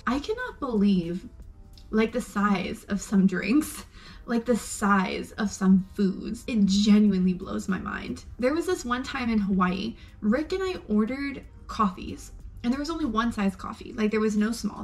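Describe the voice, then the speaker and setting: A young woman from Arizona, a vlogger chatting casually and gushing, with lots of "like" fillers. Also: on the high side. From Arizona, USA. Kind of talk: casual chat.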